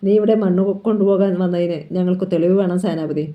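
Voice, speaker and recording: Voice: mid-range voice, steady tone, fast talker, close to an everyday voice. A narrator voicing a fierce, defiant middle-aged strongman who taunts and threatens his enemies, read from a crime novel on a dull lo-fi recording. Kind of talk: dramatic novel reading.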